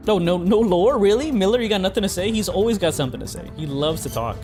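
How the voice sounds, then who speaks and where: A man's voice: high voice, animated, quick pace, a little mellow. A young man streaming a video game, rambling in casual commentary, laughing often and swearing casually. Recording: game music playing behind.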